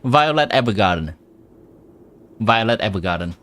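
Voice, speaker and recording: A man's voice: fairly low pitch, animated, normal speed, fairly bright tone. Man's voice through an AI voice changer. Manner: chatty, playful, talks to chat. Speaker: game streamer. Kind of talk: casual live-stream chat over gameplay. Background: game music.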